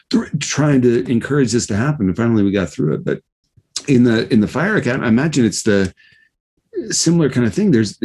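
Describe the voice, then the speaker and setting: A man hosting a casual interview, talking in a halting, reflective way with many restarts. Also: medium pitch, a little mellow, breathy edge. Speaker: podcast host.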